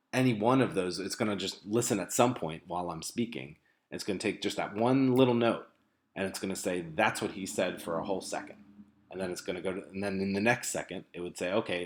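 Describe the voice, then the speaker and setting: A man with a very low voice explains a topic in a loose, conversational lecture. He stops and restarts often, filling gaps with ums. It sounds like it is captured on a laptop microphone. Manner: casual, halting, many ums and restarts. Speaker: teacher. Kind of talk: recorded lecture.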